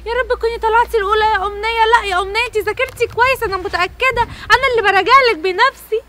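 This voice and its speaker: A woman's voice: very high voice, steady tone, bright, forceful tone. A woman playing a proud, doting mother with an Egyptian accent. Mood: praying. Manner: fast, doting, praising. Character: proud hopeful mother, woman street vendor. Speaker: proud mother in a comedy skit. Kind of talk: comic skit acting. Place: outdoors on a street. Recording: street noise outdoors.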